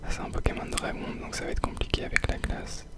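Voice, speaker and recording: A man whispers softly, very close to the ear, as he gives ASMR gameplay commentary. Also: fast talker. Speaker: host of an ASMR gaming video.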